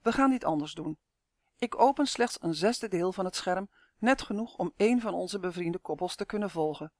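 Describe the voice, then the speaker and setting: Reader doing chance, calm wise lady explaining stuff patiently, dry close sound. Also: medium pitch, moderate pace, dry recording, lightly acted. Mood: apologetic. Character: calm wise female soul-rescuer explaining. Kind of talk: audiobook character voice.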